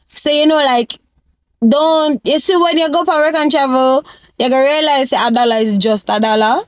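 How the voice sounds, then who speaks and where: A woman's voice: high-pitched, normal speed, no echo. Chatty young Jamaican woman vlogger. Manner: chatty, mixes Jamaican patois with English. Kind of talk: casual advice vlog.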